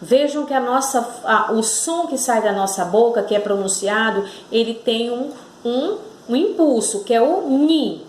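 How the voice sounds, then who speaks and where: Woman teacher, high voice, lively pitch, slow and drawn out, stressing syllables, roomy echo. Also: a little hiss or hum. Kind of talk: children's Portuguese lesson.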